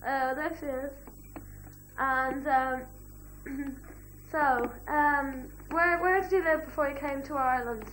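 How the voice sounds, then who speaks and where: A woman's voice: sits high, fairly even intonation, slow pace, pauses often, fairly bright tone, echoey room, slight background noise, rough recording. A woman teasingly questioning her relatives for a family home video, heard on an old VHS tape. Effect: old VHS home video tape sound. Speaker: family member interviewing relatives on camcorder. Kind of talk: casual home video interview.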